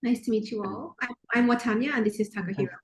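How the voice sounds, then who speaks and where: A woman from Thailand, an architect who co-founded her firm, answering interview questions in a thoughtful way and often pausing to search for words. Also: on the high side.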